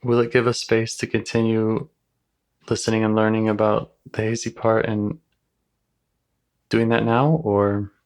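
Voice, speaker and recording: Low, even-voiced male therapist, calm. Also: measured pace, pauses often. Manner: calm, gentle, reflective. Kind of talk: live therapy session.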